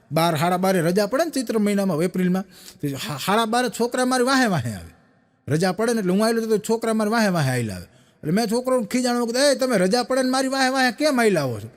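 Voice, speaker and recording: A man's voice: high voice, expressive. A man doing stand-up comedy, rattling off one-liners and acting out the dialogue in his stories. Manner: rapid joke-telling with quoted dialogue. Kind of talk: stand-up comic storytelling.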